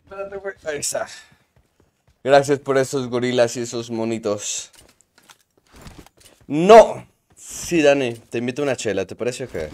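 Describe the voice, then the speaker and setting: A man's voice: mid-range voice, a little fast, a little mellow. A young man with a Mexican accent, chatting casually and joking while reading his stream chat aloud. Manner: joking banter, reads chat aloud, slangy.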